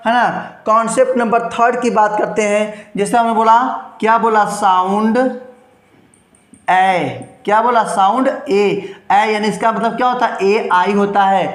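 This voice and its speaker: A male teacher giving an English grammar lesson in Hindi, who asks himself questions, keeps repeating "understand", and stretches words slowly to show their sounds. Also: high-pitched, fairly even intonation. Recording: roomy, echoey room.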